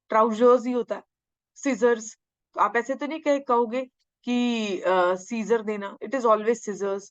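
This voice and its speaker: Woman teacher, exam-prep grammar lecture, slow drawn-out lines, dry slightly dull sound. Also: a little high, no echo. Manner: mixes Hindi and English, drawls English sentences slowly, asks and answers own questions. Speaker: English teacher.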